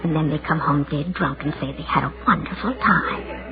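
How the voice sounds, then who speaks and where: Over music, a low-pitched woman's voice at normal speed, lightly acted, portrays a shy, anxious, judgmental, lonely woman of thirty. The actress, herself in her thirties, gives a bitter, fretful 1940s radio drama performance, recorded noisy and narrow-band.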